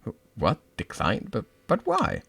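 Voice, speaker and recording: A man's voice: low voice, very animated, measured pace, full character voice. A man voicing a frightened, hurt teenage schoolgirl who stammers and pleads. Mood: distressed. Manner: pleading, stammering, rising to shouts.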